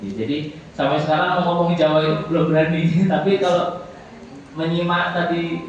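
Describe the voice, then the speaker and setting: A man's voice: on the high side, fairly even intonation, normal speed, dull audio, slight background noise. A man from Jakarta teaching a religious lesson at a boarding school, demonstrating letter sounds with jokes. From Jakarta, Indonesia. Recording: very echoey hall, distant mic, faint ambience.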